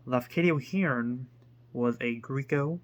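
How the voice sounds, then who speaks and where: A man chatting to the camera about books at an unhurried, drawn-out pace. He rambles and stops to hunt for words, with a voice of middling pitch for a man. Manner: hesitant and rambling, full of pauses. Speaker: book reviewer. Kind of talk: casual to-camera book talk.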